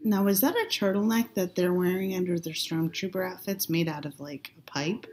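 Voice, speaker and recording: Joking woman riffing over a film. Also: lowish voice. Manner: joking, animated, quick asides. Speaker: movie commentator. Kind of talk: casual movie-watching chat.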